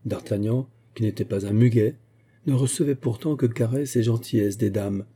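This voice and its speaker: A man reading a classic novel aloud as a narrator, in a measured literary manner. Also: medium pitch, mellow, breathy edge. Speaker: audiobook narrator. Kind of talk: scripted narration.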